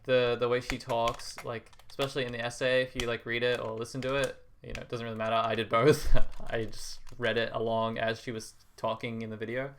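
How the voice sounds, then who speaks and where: A man's voice: medium pitch, flat delivery, a little fast, few pauses, a little hiss or hum. Rambling young man musing mid-game. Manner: rambling and hesitant, full of restarts; soft and reflective, with quiet laughs. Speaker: gaming video creator. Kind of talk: casual musing while playing a video game.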